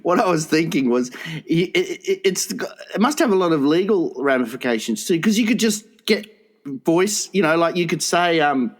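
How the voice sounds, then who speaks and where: A man's voice: on the high side, lively intonation, moderate pace. A man hosting a comedy podcast, talking in a crude, rambling way and laughing often. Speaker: podcast host. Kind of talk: casual comedy chat.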